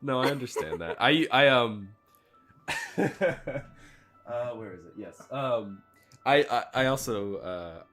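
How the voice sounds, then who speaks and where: A man co-hosting a podcast, talking casually with halting, stammered starts. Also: mid-range voice, expressive, over music. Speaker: podcast co-host.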